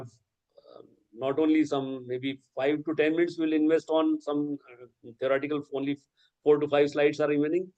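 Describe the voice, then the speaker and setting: A man with a slightly high, darkish voice, heard through dull audio, lectures teachers on a video call. His first language is Urdu, and as the workshop resource person he explains patiently while frequently asking "okay" and "right?".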